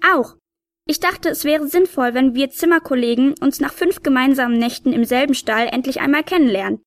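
A woman's voice: high-pitched, dry recording. A woman doing a tiny cheeky Nicholas helper. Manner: cheeky, chatty and hurried.

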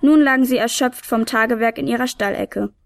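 A woman narrating a storybook in a calm, even storytelling manner. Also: fairly high pitch, fairly quick, vocal fry, no room sound.

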